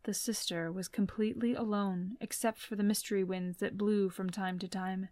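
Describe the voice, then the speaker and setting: A woman giving soft, gentle, unhurried storybook narration. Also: mid-range voice, fairly even intonation, no echo.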